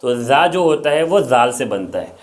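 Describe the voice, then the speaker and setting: A man's voice: medium pitch, big pitch swings. A young man teaching the Arabic alphabet in Urdu, patiently explaining each letter and repeating its sound.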